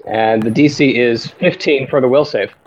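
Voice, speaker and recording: A man's voice: medium pitch, moderate pace, dull audio. A man playing a tabletop game, talking casually and playfully. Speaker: player.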